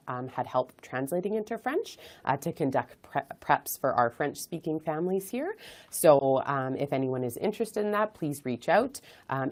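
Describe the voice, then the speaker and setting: Low, gravelly woman hosting a webinar. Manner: frequent ums, steady explanatory delivery. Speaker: webinar host, child advocacy director. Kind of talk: informational webinar presentation.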